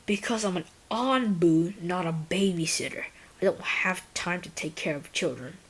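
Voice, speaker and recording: A woman voicing an aloof adult male ninja who speaks in a flat monotone, curt and dismissive. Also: lowish voice, moderate pace, slightly rough, poor audio.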